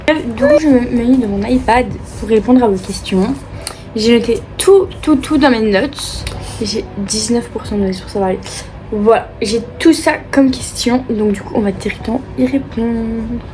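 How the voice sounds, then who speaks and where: With a warm, fairly high voice at normal speed, a young Liège woman with a Belgian French accent chats through viewer questions in a casual vlog Q&A. Her delivery is upbeat and full of fillers such as euh and du coup. Slight background noise can be heard.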